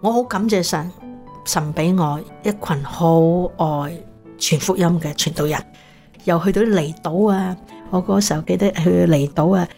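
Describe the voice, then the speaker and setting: A woman from Hong Kong, a missionary, sharing her personal testimony as an earnest, animated storyteller. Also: fairly low pitch, moderate pace, creaky, faint music behind. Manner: earnest, animated storyteller with lively acted-out quotes.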